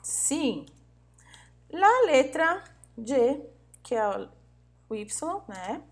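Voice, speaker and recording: A woman teaching an online Spanish lesson, repeating words slowly and checking in often with her students. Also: sits high, big pitch swings.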